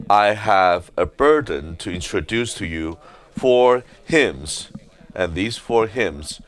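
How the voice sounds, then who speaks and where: Deep-voiced man preaching slowly. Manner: halting, with frequent "uh" fillers. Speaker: conference speaker. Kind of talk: sermon. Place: conference center meeting hall.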